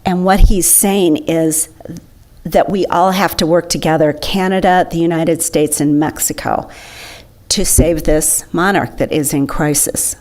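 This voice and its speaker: A woman's voice: low-pitched, steady tone, measured pace, a little mellow. A woman giving an enthusiastic, chatty slideshow talk to an audience. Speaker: presenter.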